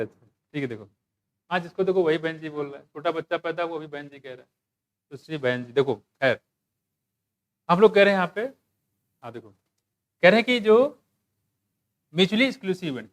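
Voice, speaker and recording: A man teaching a biology class, asking students questions, joking and reading textbook lines slowly. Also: on the high side. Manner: asks students questions and jokes, mixing Hindi with English textbook lines; slows down to read English lines aloud. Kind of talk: classroom lecture.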